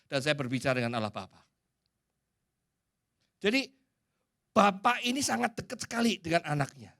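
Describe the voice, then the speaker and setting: A man with an Indonesian accent preaching a sermon in a church, swinging from loud and emphatic to hushed. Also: on the high side, big pitch swings, moderate pace.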